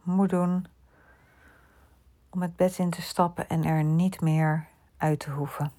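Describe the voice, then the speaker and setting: A woman guiding a listener through a slow sleep relaxation, speaking softly and often in a whisper. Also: fairly low pitch, steady tone. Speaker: sleep meditation guide.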